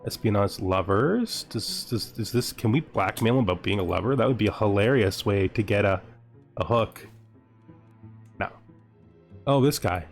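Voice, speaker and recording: With a lowish, animated voice at normal speed and long pauses, a gaming video host gives casual, humorous commentary on a strategy game let's-play. He thinks aloud, often asking himself questions, and music sits under his voice.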